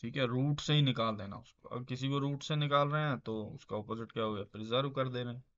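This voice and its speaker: A man with an Indian English accent teaching vocabulary in a casual style, explaining slowly, repeating words and chuckling now and then. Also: mid-range voice, fairly bright tone. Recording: dull lo-fi sound.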